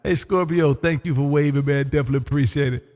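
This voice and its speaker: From his home radio room, a jovial amateur radio operator hosts a live stream, chatting casually, teasing, repeating himself, and saying "man" a lot. He speaks quickly in a fairly high, slightly mellow voice, and the sound has a big-room quality.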